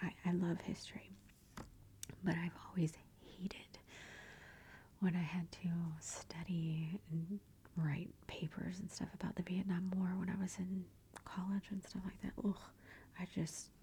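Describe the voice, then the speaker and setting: A woman speaking softly in a hushed, breathy near-whisper, gently and unhurriedly giving an ASMR book review. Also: on the low side, flat delivery, slow pace, slight background noise.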